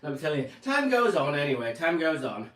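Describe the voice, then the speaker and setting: Man, stand-up comic, rambling deadpan delivery, lively swooping pitch, roomy echo. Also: a little fast. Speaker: stand-up comedian. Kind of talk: stand-up routine. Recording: echoey, from a distance.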